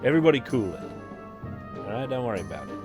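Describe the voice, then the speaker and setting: A man's voice: medium pitch, very animated, quick pace, loud music behind the voice. A man with an Australian accent chatting casually and rambling with jokes while live-streaming a game. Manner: rambling, joking, chatting with viewers.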